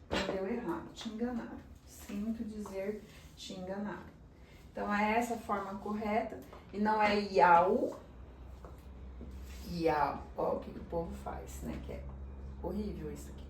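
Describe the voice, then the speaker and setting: A woman slowly explaining Hebrew names, checking in with her listeners as she teaches. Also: medium pitch, distant mic, a little hiss or hum. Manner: slow, explanatory, often checks in with "tá?". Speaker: religious teacher. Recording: echoey room, voice a bit off-mic.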